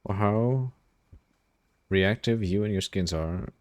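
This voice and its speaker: A man streaming a game live, reacting loudly, swearing freely and reading chat messages aloud. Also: lowish voice, takes it slowly. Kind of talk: casual live-stream commentary while gaming.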